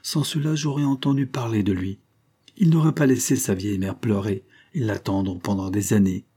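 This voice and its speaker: A man's voice: on the low side, normal speed, dark tone, slightly rough. A man reading aloud and voicing a frail, asthmatic old grandmother who speaks with earnest effort. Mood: pleading.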